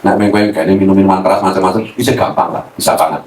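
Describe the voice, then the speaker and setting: Animated cleric speaking from afar. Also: male voice, sits low, racing. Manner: animated, mixes Javanese slang, laughs often. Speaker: Islamic cleric. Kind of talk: casual religious talk. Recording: roomy, from a distance, faint noise.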